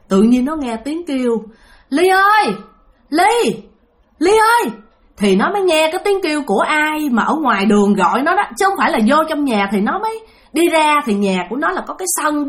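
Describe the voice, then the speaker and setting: A woman's voice: high voice, sing-song, fairly quick. A woman telling a ghost story in a chatty way, talking straight to her listeners and repeating things for emphasis.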